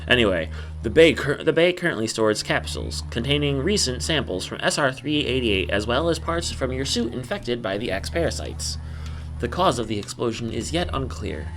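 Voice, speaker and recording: Man putting on a hammy, blunt ship computer commander. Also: medium pitch. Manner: hammy amateur voice acting, deliberately silly. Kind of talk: amateur game dialogue read-aloud.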